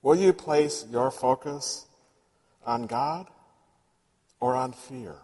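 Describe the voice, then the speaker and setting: A man preaching a sermon in a slow, earnest and reflective way. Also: medium pitch, a little mellow, long reverb tail.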